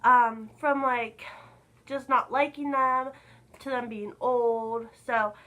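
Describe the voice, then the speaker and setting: A young woman vlogger chatting casually to camera about makeup, a little hoarse from being sick, filling her talk with "like.". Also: on the high side, fairly even intonation, slow, bright, forceful tone, poor audio. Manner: chatty, lots of "like" fillers. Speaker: beauty vlogger.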